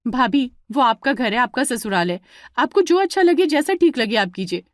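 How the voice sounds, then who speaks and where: Bossy young sister-in-law, a woman voicing her: brisk, curt, higher pitch. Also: lively intonation, no echo, studio quality.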